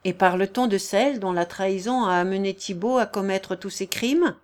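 A woman's voice: medium pitch, normal speed, close to an everyday voice. A woman reading aloud and voicing a tormented young man who leads wolves, speaking in intense, anguished outbursts. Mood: anguished passion. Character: male wolf-leader, tormented, passionate young man.

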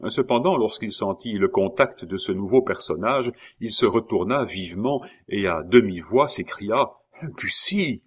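A man reading a historical novel aloud in a measured, even storytelling manner. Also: fairly low pitch, slightly rough. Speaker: audiobook reader. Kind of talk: scripted narration of a historical novel.

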